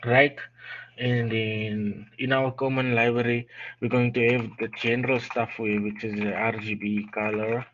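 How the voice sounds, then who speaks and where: Slow-talking sick guy doing a coding tutorial, thinks out loud, muffled lo-fi mic with hiss. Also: mid-range voice. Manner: thinks aloud while typing, restarts and stumbles. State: unwell, yawning. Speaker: programming tutor. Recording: dull lo-fi audio with steady noise.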